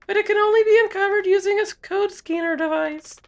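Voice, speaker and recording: A man voicing a precise, by-the-book female crew member in a high falsetto. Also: fairly even intonation, fast, gravelly. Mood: procedural. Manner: precise, procedural.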